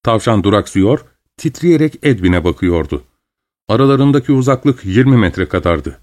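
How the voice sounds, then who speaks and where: A man narrating a novel as an audiobook in a steady, even storytelling delivery. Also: lowish voice, normal speed. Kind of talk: scripted narration.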